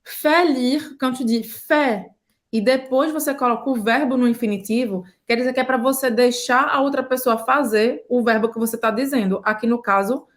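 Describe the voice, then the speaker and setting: A woman, teaching French in a casual video lesson and explaining pronunciation patiently. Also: fairly high pitch. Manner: patient, explanatory, repeats sounds slowly.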